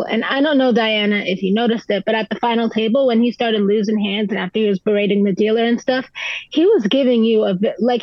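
A woman poker player, a podcast guest, retelling events in an animated way with lots of "like" fillers. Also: medium pitch, no echo, muffled recording. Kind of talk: podcast storytelling.

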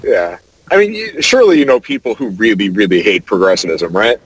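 Man, animated pitch, questioning conversational tone, repeats phrases for emphasis. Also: a little fast, husky, low-quality recording. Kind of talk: casual chat.

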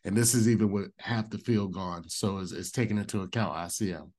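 Lower-voiced man explaining methodically. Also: brisk, a little mellow. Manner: methodical, reads out details. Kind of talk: casual strategy discussion.

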